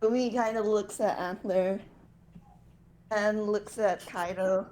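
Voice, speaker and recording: A woman's voice: mid-range voice, fairly even intonation, takes it slowly, a little mellow. A woman narrating her character in a tabletop game in a hesitant, casual way.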